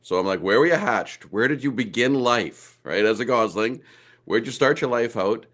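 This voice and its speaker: A man's voice: mid-range voice, expressive, moderate pace, a bit bright. A man hosting a podcast, asking questions in an enthusiastic, rambling way with playful turns of phrase. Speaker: podcast host. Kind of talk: casual interview chat.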